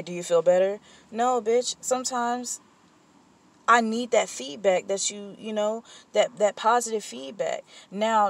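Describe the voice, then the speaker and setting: Candid, rambling vlogger venting. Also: medium pitch. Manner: candid and rambling, with frequent fillers and self-corrections; blunt and profane when heated. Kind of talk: personal vent session, casual monologue.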